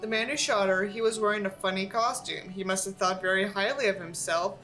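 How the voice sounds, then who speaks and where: Soft music plays behind a woman who reads from a book and mocks it, her commentary casual, sardonic and sprinkled with swearing. She seems tired and sick, yet her medium-pitched voice moves a little fast and has a fairly bright tone.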